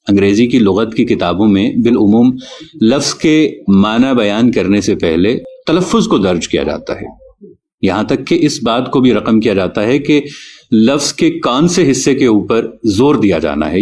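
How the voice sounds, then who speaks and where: Lively low-voiced Urdu pronunciation teacher. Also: male voice. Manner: explains carefully, spells out sounds slowly. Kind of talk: spoken lesson on pronunciation.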